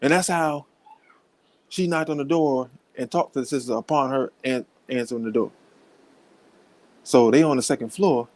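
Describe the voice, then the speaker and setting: A man's voice: medium pitch, normal speed, darkish tone, no room sound, rough recording. Profane storytelling man, dry sound. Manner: profane, laughing, addresses viewers directly. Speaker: vlogger. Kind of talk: casual storytelling to camera. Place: at home with his young son.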